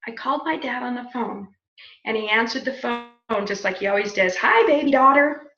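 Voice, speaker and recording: A woman's voice: fairly high pitch, moderate pace. A woman in her fifties telling a personal story on a business call, acting out the dialogue as she goes. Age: 50s. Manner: lively storyteller, acts out quoted dialogue. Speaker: speaker on a business opportunity call. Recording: echoey room, dull lo-fi sound.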